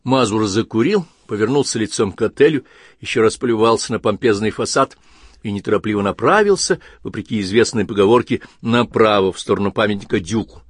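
Male audiobook narrator, low voice, wry and even, dry close mic. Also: brisk, no room sound.

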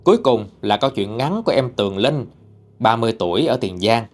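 A man's voice: medium pitch, expressive, brisk. A man with a Southern Vietnamese accent who narrates listener-sent ghost stories in a chatty, colloquial way. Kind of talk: spoken ghost story narration. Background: faint music.

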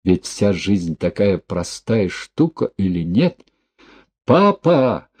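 A man reading a thriller novel aloud as an audiobook narrator in a steady, even storytelling manner. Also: low voice, slow pace, breathy edge. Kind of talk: scripted narration.

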